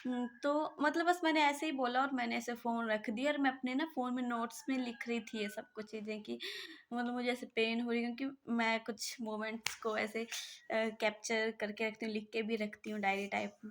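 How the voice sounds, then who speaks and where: Chatty young woman with a flat voice. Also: a little high, a little fast, slight background noise. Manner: chatty, rambling, many fillers and restarts. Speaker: vlogger. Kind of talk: casual personal storytelling.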